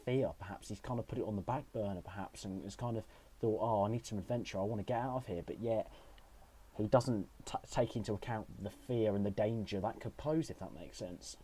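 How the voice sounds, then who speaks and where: Give me a low-voiced man in a casual podcast chat, hesitant, with a dropping-out mic and uneven volume. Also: a little fast, dark tone, breathy edge. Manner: hesitant, hedging, many fillers. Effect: mic cutting out, uneven volume. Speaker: podcast co-host.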